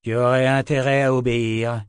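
A man voicing a blunt, tough warrior woman with a gruff, threatening manner. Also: mid-range voice, little pitch movement, normal speed, dry recording, clean studio sound, lightly acted.

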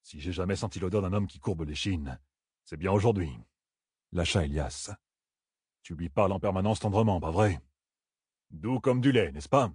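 A man voicing a weathered, wary older woodsman who talks low and wryly. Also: normal speed, long pauses, a little mellow, husky, no room sound, studio quality. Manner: low, muttering, wry.

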